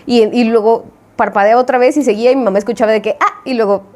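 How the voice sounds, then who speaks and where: A young woman with a Mexican accent tells a story in casual slang, acting out her own reactions as she goes. Her voice sits fairly high but sounds soft and mellow. She speaks as an indie game developer talking straight to her viewers. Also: steady tone, very fast. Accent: Mexican Spanish.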